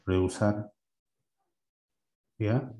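A male teacher in a classroom who leads a lesson, asks students frequent questions and repeats words slowly. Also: fairly low pitch, fairly even intonation, warm tone, a little hiss or hum.

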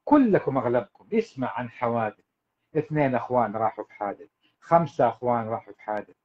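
Speaking fast at a medium pitch, a man coaching on parenting delivers a live talk directly to his listeners. He's animated, emphatic and preachy, and the audio sounds dull.

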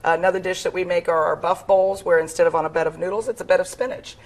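An upbeat woman cooking and chatting in a restaurant kitchen, eager and quick to laugh. Food sizzles on the stove behind her, with a faint hiss under the talk. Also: on the low side, steady tone. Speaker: restaurant cook. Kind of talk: cooking demo chat.

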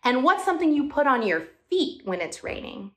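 A woman's voice: high-pitched, big pitch swings, fairly quick. A woman teaching a music class for young children, talking in a cheerful, sing-song way and coaxing the kids to join in.

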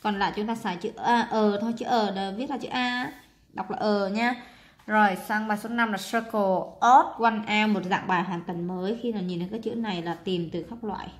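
A woman's voice: mid-range voice, fairly even intonation, brisk, a little hiss or hum. A woman with a Vietnamese accent, patiently explaining English worksheet exercises to young children and spelling words out letter by letter. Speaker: primary school English teacher.

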